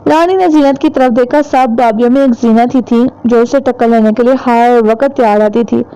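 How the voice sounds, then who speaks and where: A woman narrating a horror novel as an audiobook, in steady, measured storytelling. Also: fairly high pitch, clean tone, rough recording. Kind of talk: dramatic novel reading.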